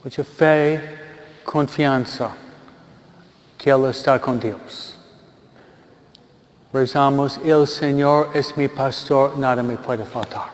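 A man, a priest, giving a funeral homily and retelling a story simply, with pauses. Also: medium pitch, steady tone. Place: church. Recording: lo-fi recording in a reverberant church.

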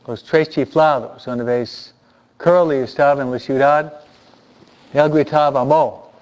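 A man preaching a sermon, animated and repeating phrases for emphasis. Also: mid-range voice, a little slow, muffled recording.

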